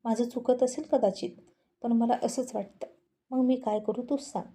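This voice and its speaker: A woman voicing a playful, coaxing young wife in a storybook reading, pleading in a soft way. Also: a little high, fairly even intonation, moderate pace, close to an everyday voice.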